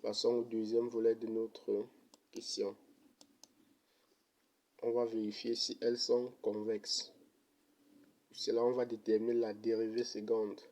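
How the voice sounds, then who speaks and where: Slow, flat-voiced man teaching math. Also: on the low side. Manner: slow, methodical, even delivery. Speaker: economics teacher. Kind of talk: step-by-step math lesson.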